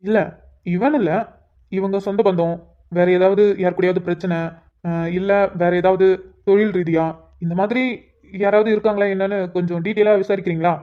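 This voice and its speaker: A woman voicing a calm, reassuring male police inspector in a cartoon, speaking steadily and with authority. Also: mid-range voice, a little fast, pauses often, phone-quality sound, close to an everyday voice. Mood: thoughtful. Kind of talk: cartoon voice acting.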